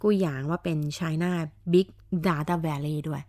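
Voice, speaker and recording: A woman hosting a radio talk show, explaining in a chatty, animated way with many fillers and asides. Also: deep voice, slow, dry recording, clean studio sound. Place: radio studio.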